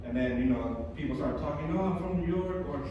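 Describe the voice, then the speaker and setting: This man's stand-up set comes in a fairly high, dark-toned voice delivered briskly. Born in Massachusetts and raised in California, he rambles chattily on the comedy club stage, restarting often and leaning on fillers. A distant mic catches the echoey room and its background noise.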